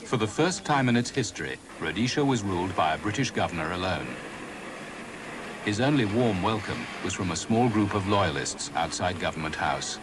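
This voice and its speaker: Documentary narrator, man, low and lively, noisy old broadcast tape. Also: moderate pace. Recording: noisy 1980s broadcast audio.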